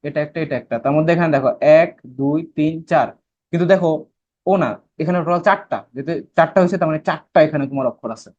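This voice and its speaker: A man's voice: fairly high pitch, quick pace, darkish tone, dull audio. A man with a Bangladeshi accent teaching English grammar in an online class, explaining step by step and checking that students follow. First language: Bengali. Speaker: admission test English teacher.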